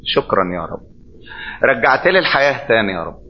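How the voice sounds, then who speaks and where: A man with an Egyptian accent voicing a young man raised from death who gives hushed, low-voiced thanks. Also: very animated, fast, a little hiss or hum, natural voice. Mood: grateful. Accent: Egyptian Arabic. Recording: dull lo-fi recording.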